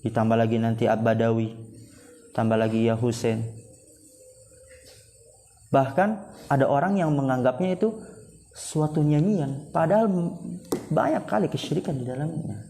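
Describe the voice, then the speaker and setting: A man with an Indonesian accent teaching a religious lesson, emphatic, with drawn-out Arabic recitation that climbs sharply when he quotes. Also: mid-range voice, warm tone. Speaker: Islamic teacher.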